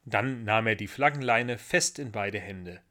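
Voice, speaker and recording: A man reading a children's story aloud in a gentle, expressive storytelling manner. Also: lowish voice, a little slow.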